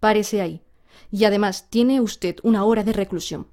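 A woman's voice: mid-range voice, fairly quick, dark tone, close to an everyday voice. A woman playing a stern male schoolteacher. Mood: severe. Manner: stern, clipped scolding.

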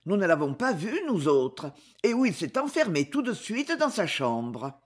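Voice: mid-range voice, very animated, unhurried. A reader voicing a grim young woman doctor in an audiobook, read expressively. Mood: somber. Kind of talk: audiobook dialogue.

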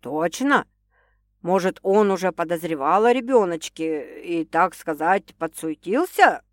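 A woman's voice: fairly low pitch, animated, a little slow, no room sound, studio quality. Woman doing a brash slangy big sister. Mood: skeptical. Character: blunt skeptical older sister, slangy and loud.

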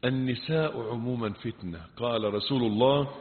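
Egyptian preacher in an echoing hall. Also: male voice, mid-range voice, normal speed, slight background noise. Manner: emphatic, with rhetorical questions and rising then hushed delivery. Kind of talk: sermon mixing colloquial and classical Arabic. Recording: tinny, phone-like sound with long hall reverb.

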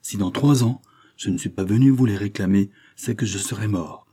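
A man's voice: lowish voice, normal speed, warm tone, breathy edge. A man reading an audiobook, voicing a passionate, despairing young nobleman in an impassioned, declamatory way. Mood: solemn. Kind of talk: audiobook reading of a classic novel.

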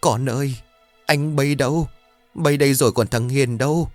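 A man's voice: mid-range voice, fairly even intonation, normal speed, no room sound, faint music behind, voice pushed up, natural voice. A man voicing a grieving older mother who sobs and pleads in a raised voice. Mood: sobbing. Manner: sobbing, pleading. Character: grieving old mother, sobbing.

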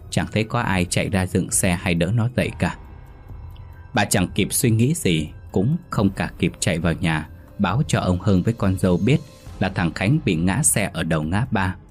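Low-voiced man narrating a ghost story. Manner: steady, dramatic storytelling. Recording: faint music underneath.

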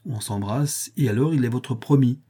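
A man's voice: medium pitch, moderate pace, warm tone, slightly rough, lightly acted. A man playing a mischievous young schoolboy, speaking eagerly with a lifted, boyish voice.

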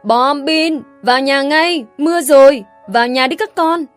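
A grown woman calling loudly from inside the house, pitched a little high, as a female reader puts her on. She sounds raised and insistent. Soft music plays faintly behind her. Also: unhurried. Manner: loud calling from indoors.

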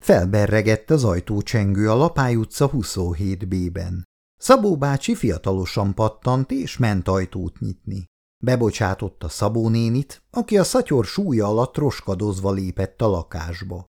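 A man narrates a story aloud, expressive and animated, with wide swings in pitch. His voice is dark and gravelly, with a mellow warmth to it. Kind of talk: scripted narration.

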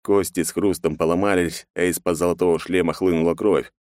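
A man narrating an audiobook in a measured, expressive way. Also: low voice, no echo, studio quality.

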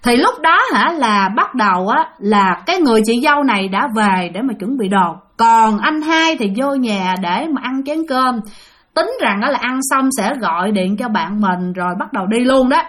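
High-voiced Southern Vietnamese storyteller woman. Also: lively intonation, moderate pace, fairly bright tone. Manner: chatty, addresses listeners directly. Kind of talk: casual spoken ghost story.

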